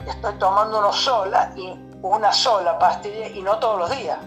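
A man's voice: high-pitched, moderate pace, fairly bright tone, rough recording. Older Argentine man in his 70s, radio guest, loose rambling talk full of fillers and "right?" tags, faint music underneath. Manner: rambling, many fillers and tag questions. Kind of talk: casual radio interview.

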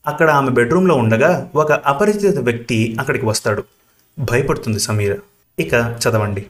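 A man narrating a written episodic story in a steady, even reading voice. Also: mid-range voice.

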